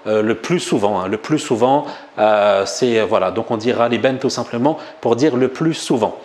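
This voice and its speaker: A man with a French accent teaching a relaxed language lesson at a whiteboard, chatting and joking, then saying new words slowly and more than once. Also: mid-range voice. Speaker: Arabic teacher. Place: room with a whiteboard.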